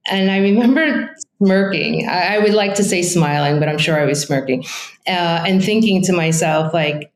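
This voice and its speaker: There's reverb around her fairly low voice as she talks at a moderate pace. She is a middle-aged real estate agent from Brooklyn, first language Italian, with a thick local accent, giving a casual, candid interview loaded with fillers and side comments.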